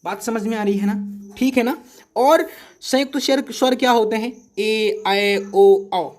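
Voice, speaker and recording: Male teacher, high-pitched, patient exam-prep lesson style, lots of repetition and check-ins. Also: a little slow. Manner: patient, repeats syllables and checks understanding often.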